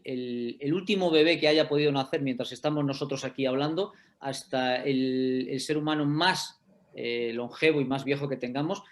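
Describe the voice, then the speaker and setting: Over a video call, a middle-aged man with a mid-range voice delivers a law lecture to an online class. He works through the material step by step and keeps checking that his listeners are following.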